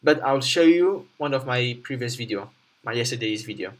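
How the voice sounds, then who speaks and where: A man with an expressive, mid-pitched voice gives an unscripted software tutorial, describing what to do on screen. He moves haltingly from step to step, often restating or rewording his instructions.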